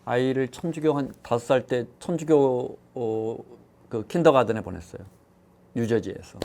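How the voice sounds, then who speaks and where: A man's voice: mid-range voice, moderate pace. A middle-aged man chatting on a talk panel, telling personal stories and acting out quoted voices. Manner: storytelling, animated quoting of others. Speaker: economics show panelist. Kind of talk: casual chat.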